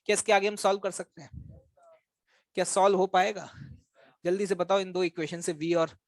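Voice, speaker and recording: A male physics teacher giving a classroom lecture, constantly quizzing his students with quick questions and teasing them to check they follow. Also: sits high, steady tone, no echo. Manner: coaxing, teasing.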